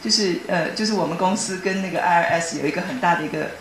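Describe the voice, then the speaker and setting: A woman giving a personal testimony in a church hall, telling her story earnestly and excitably, often restarting her sentences. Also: on the low side, fast, a little hiss or hum.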